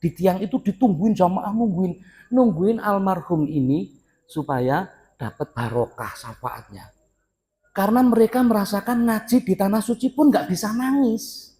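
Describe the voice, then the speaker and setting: A middle-aged man preaches at dawn in a mosque, his voice sitting a little high. He tells stories chattily, laughing often and turning to his listeners as "Pak". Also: moderate pace, warm tone. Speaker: ustadz giving a dawn sermon. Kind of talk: informal sermon storytelling.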